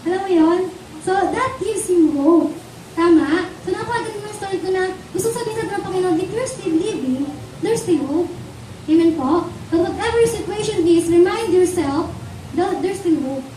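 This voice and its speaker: A woman's voice: extremely high pitch, expressive, moderate pace, mellow, slight background noise. A woman with a Filipino accent preaching a sermon in Taglish, often asking the congregation for an amen. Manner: Taglish, asks the congregation for amens. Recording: echoey church hall from far off.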